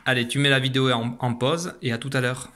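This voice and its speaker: A man teaching young children a phonics lesson, saying each sound slowly and carefully. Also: medium pitch, sharp tone, a little hiss or hum. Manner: slow, careful, stretched-out pronunciation of sounds. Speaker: primary school teacher.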